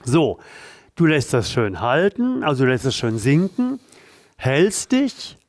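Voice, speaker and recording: A man's voice: medium pitch, wildly swooping pitch, slow pace, no echo, clean studio sound. A man leading a back-stretching exercise, addressing the viewer directly and encouragingly as he coaches a partner through it. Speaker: pain therapist leading exercises. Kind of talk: instructional exercise demonstration.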